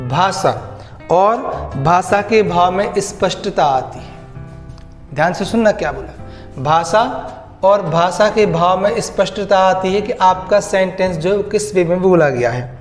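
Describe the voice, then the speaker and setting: A male teacher explains a grammar lesson, repeatedly turning key words back to his students as questions. His high voice rings in a roomy, echoing space, with faint music in the background.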